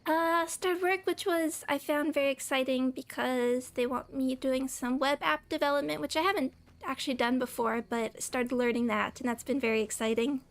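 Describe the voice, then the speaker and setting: In a casual gaming stream, a young woman speaks in a high-pitched, steady tone at a moderate pace with few pauses. Slightly scratchy from a cold, she chats and giggles with her audience, laughs often and welcomes viewers by name.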